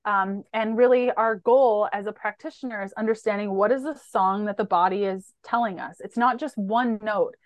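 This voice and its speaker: Woman nutritionist walking through lab markers one by one, mid-pitch, dry close sound. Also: normal speed, few pauses, no echo. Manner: methodical, lists lab markers one after another. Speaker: holistic nutritionist guest. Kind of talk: explanatory interview answers.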